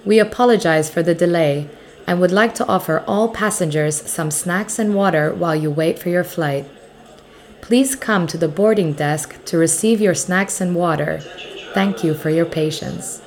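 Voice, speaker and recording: A woman reading scripted airport announcements in a formal, measured manner, repeating key details. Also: fairly low pitch, a little mellow.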